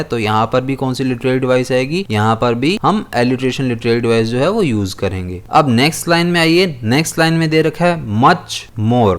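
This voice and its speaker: A man's voice: medium pitch, clean tone. Man teaching a school poem. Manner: explains step by step, asking and answering his own questions. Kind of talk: explaining a poem to school students.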